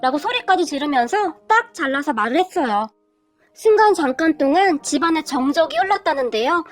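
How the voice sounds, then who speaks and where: A woman narrating a submitted family story in an expressive storytelling manner. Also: high voice, fairly quick, no room sound, faint music behind. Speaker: story reader. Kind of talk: scripted narration.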